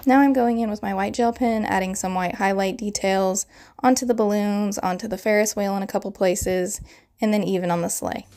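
A woman's voice: medium pitch, fairly even intonation, brisk, darkish tone. A woman in her thirties with a crackly morning voice, chattily narrating a card-making tutorial voiceover and explaining each step.

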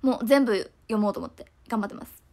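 A young woman, chatting fast and casually on a livestream, reading viewer comments and often apologizing. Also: a little high, darkish tone.

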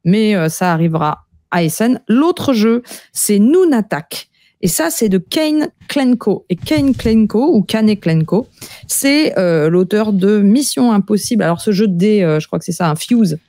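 A woman's voice: medium pitch, lively intonation, moderate pace, warm tone, no room sound. A woman co-hosting a casual podcast chat about board game news, talking freely with many hesitant fillers. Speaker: podcast co-host.

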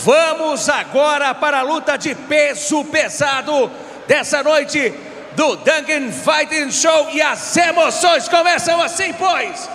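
A male ring announcer giving a grand entrance announcement in a shouted, drawn-out showman style. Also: extremely high pitch, some chatter behind. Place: live boxing ring in a large arena. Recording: echoey arena PA with faint noise.

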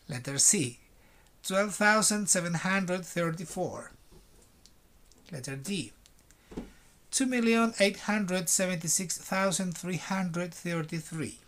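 A man teaching an English class online, switching between slow dictation of numbers and quick explanations. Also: high-pitched, fairly bright tone.

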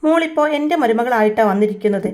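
A woman's voice: on the high side, expressive, fast talker, a little mellow, natural voice. A woman voicing a proud, remorseful middle-aged matriarch who speaks firmly.

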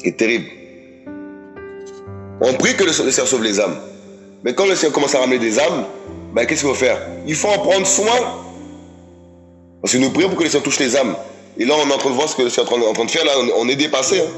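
A man's voice: mid-range voice, lively intonation, fast talker, long pauses, soft background music. A man preaching a sermon, emphatic, repeating his phrases and often calling out to his listeners as friends. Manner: addresses audience as "mes amis".

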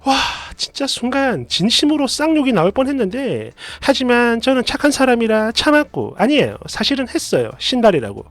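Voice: mid-range voice, brisk, few pauses, no echo. A narrator casually telling a reader's story with chatty asides of their own. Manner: lively, chatty, adds asides and comments.

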